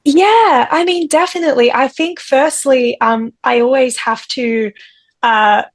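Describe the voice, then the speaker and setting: A young Australian woman musician chatting fast and warmly as an interview guest over a video call, with frequent ums. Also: high voice. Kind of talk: casual interview chat.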